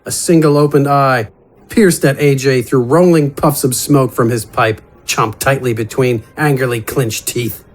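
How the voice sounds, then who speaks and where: With music playing behind him, a male narrator and voice actor delivers a scripted fantasy adventure in dramatic storytelling fashion. His mid-range voice keeps a steady tone at a slightly slow pace.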